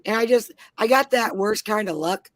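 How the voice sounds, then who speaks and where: A woman's voice: medium pitch, moderate pace, no room sound. Woman from Minnesota, casual panel chat, swears constantly, blunt, dry close sound. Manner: blunt and heavily profane. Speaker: panel guest.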